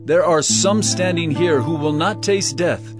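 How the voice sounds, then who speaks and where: An actor playing Jesus as a grave, commanding teacher, speaking with solemn, earnest emphasis. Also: male voice, on the high side, measured pace, natural voice. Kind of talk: audio drama acting. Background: guitar music.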